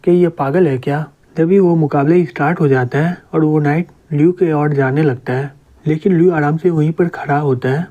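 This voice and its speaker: A man's voice: fairly high pitch, steady tone, normal speed, dark tone. A man narrating a manga story recap, voicing every character himself in a plain storytelling voice. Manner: reads every character in his own plain voice. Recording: dull lo-fi recording.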